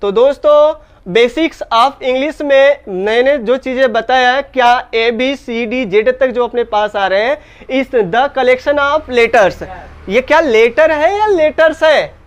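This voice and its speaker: High-voiced Indian man teaching English. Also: slow, smooth. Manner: asks students questions and answers himself, repeats points. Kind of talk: classroom lecture in Hindi.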